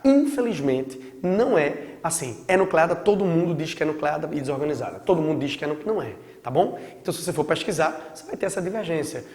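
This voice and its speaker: A biology teacher with a Brazilian Portuguese accent gives a casual recorded lecture, hoarse from a sore throat. His darkish voice sits a little high for a man, and he chats loosely, often adding quick check-in tags to his points. The room gives a long, echoing reverb.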